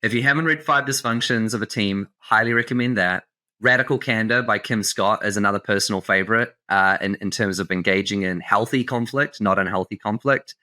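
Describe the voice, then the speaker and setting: A man with an Australian or New Zealand accent speaks as a podcast guest, his voice pitched a little low yet bright and forward. He gives practical, earnest advice in a casual, conversational way, often restarting sentences mid-thought. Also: brisk. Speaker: guest, company CEO. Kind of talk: casual interview chat.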